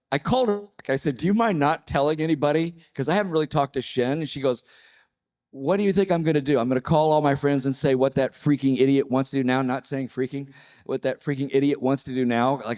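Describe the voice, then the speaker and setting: A man in his sixties, a panelist telling a personal story with lively, acted-out quotes. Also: mid-range voice. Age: 60s. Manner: animated storyteller, acts out quoted voices.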